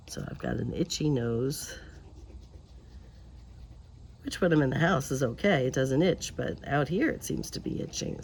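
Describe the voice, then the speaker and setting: Working on a project outdoors in a breeze, a woman who hosts a paper craft channel chats casually in a quiet, subdued voice that's lower and deeper than usual. She often slips into mutters and whispers as she works, with slight background noise around her.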